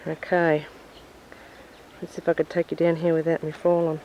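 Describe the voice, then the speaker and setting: On this lo-fi home video, an Australian woman gives a chatty tour of her family house and backyard, reminiscing as she walks. She speaks at normal speed in a low-pitched, monotone voice. Her camcorder microphone adds a little hiss or hum.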